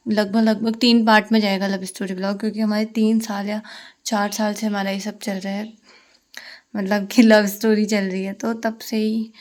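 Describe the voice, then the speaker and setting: A chatty young woman talks to her viewers like old friends as she cooks at home. Her voice sits in a middle pitch, and it is picked up on a phone camera in her kitchen. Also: a little mellow. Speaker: vlogger. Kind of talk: casual home vlog chat.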